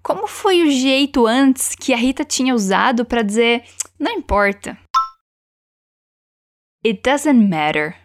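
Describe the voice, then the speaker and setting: A woman teaching English, encouraging learners and slowing down to model each phrase for them to repeat. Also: on the high side, sing-song. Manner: encouraging, slows down to model pronunciation. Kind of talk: language lesson with repeat-after-me drills.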